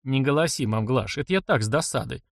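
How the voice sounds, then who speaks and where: A man's voice: mid-range voice, fast talker, creaky, no room sound, studio quality, close to an everyday voice. A man voicing a blunt, brooding young village man in an audiobook, speaking in a grumbling way. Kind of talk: audiobook character voice.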